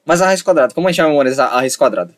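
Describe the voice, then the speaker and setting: A man's voice: a little high, expressive, very fast. Playful man explaining a lesson. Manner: repetitive, playful, acts out little dialogues. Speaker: online tutor.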